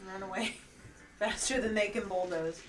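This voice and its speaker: A woman's voice: mid-range voice, normal speed, a little hiss or hum. A woman chatting casually as a player in a tabletop game. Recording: roomy, distant mic, loud music behind.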